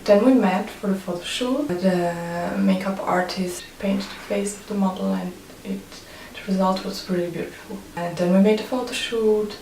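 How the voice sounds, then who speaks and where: Speaking at a normal speed with barely any pauses, this Swiss woman has a medium-pitched, gravelly and slightly mellow voice. A photographer whose first languages are German and French, she vlogs casually and hesitantly in non-native, Swiss-accented English, captured on a distant mic in a roomy space with faint noise.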